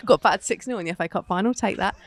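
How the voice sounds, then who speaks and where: Quick, teasing young female co-host. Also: mid-range voice, no room sound. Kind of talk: casual chat.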